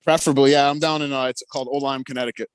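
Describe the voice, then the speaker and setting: A man's voice: medium pitch, level tone, racing, clear, resonant tone, no echo. Hesitant, stammering man in his forties. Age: 40s. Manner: hesitant, stammers and repeats himself. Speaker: caller. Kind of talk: casual chat. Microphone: video call.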